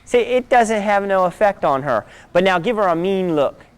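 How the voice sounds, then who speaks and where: A man's voice: sits high, animated, moderate pace, clear, resonant tone. A man teaching a self-defense class, giving direct instructions and often checking in with "okay?".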